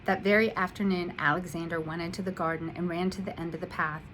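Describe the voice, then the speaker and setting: Female school coach reading a storybook to kids; lively, expressive read-aloud. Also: fairly low pitch, quick pace, slight background noise, low-quality recording. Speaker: instructional coach. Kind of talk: reading a picture book aloud to children.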